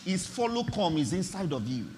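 A man's voice: high-pitched, big pitch swings, moderate pace, a little mellow, slight background noise. A man preaching a church sermon, driving his points home with emphatic repetition and calls for the congregation to respond. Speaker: pastor.

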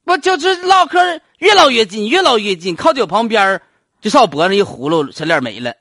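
A male comedian plays an excitable, sheepish old man in a comic radio skit. He has a Northeastern Chinese accent and rambles and stammers with exclamations. His delivery is bright and very animated, in a dry recording. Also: high-pitched, fast, no room sound, exaggerated voice. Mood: hesitant, flustered. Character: flustered elderly man reporting a theft, sheepish and excitable.

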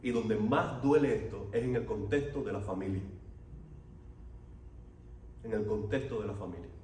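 A pastor preaching a sermon, telling stories with animation and asking the congregation questions. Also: male voice, lowish voice, a little mellow. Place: church hall. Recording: echoey hall from far off, faint noise.

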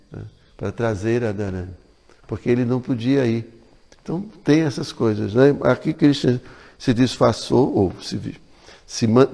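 Male teacher, low and gravelly; chatty storyteller, tag questions; long hall reverb. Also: mellow. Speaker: scripture teacher. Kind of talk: storytelling scripture class. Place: ecovillage temple hall.

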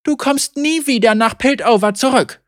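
A woman voicing a stern, cool-headed female sheriff, talking calmly in a mocking, coldly threatening tone, raised a little above her own pitch. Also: normal speed, dry recording, studio quality, close to an everyday voice.

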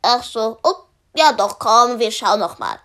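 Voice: mid-range voice, expressive, a little slow, pushed and bright. Eine junge Stimme spielt einen Freund, der zögernd und fragend spricht. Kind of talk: improvised fan story voicing.

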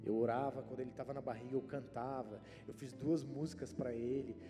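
A man's voice: medium pitch, steady tone, a little fast. A male Brazilian pastor preaching a sermon in a conversational way, often tagging sentences with "né?". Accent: Brazilian Portuguese. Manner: conversational preaching, frequent "né?" tags. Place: church hall. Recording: reverberant church hall with soft music.

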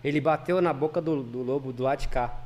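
A man's voice: medium pitch, fast, a little mellow. A man who is a lay preacher, a guest on a podcast, telling a personal story in casual, earnest talk full of restarts and repeated words.

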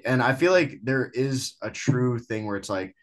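A man's voice: mid-range voice, expressive, normal speed. A young man hosting a casual sports podcast, rambling with lots of "I mean" and "like" fillers. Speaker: podcast host.

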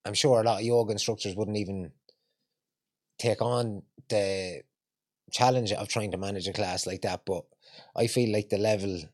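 A man's voice: fairly low pitch, fairly even intonation, normal speed. A man from Longford in Ireland with an Irish accent that has some Dublin in it, chatting casually in colloquial Irish phrases as a yoga instructor being interviewed. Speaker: yoga instructor, podcast guest. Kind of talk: casual chat.

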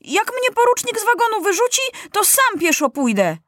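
A young boy king of ten, put on by a woman reader, speaks high and eager, with a rebellious edge. The storybook reading is dry and close, with no room sound. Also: very animated, normal speed, fairly bright tone, no echo, heavily acted. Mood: defiant.

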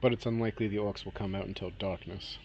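A man acting as game master in a tabletop game over an online call, speaking in a measured, steady way. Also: fairly low pitch, slight background noise. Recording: dull lo-fi online call audio.

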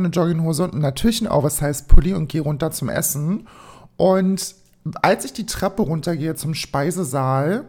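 A young woman telling a dramatic personal story for her vlog, acting out each line. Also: low voice. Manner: animated, acts out every line.

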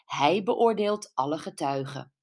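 A woman's voice: low voice, lively intonation, measured pace, darkish tone. A woman voicing a young male police officer in his early twenties who speaks politely and formally.

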